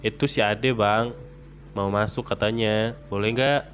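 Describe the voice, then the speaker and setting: Casual young friend, relaxed and a touch hushed, as a storyteller quotes him. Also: male voice, lowish voice, measured pace, faint music behind.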